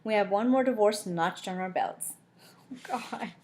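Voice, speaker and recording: A woman's voice: medium pitch, normal speed, a little mellow. A woman reading a novel chapter aloud, often breaking off to comment and joke about the story. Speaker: audiobook reader.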